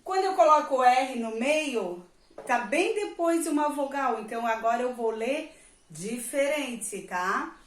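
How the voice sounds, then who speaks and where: A woman's voice: high-pitched, expressive, measured pace. A woman teacher, patiently explaining a reading lesson to young children, drawing out the example words and checking in often. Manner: stretches and stresses example words. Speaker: primary school teacher. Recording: echoey room.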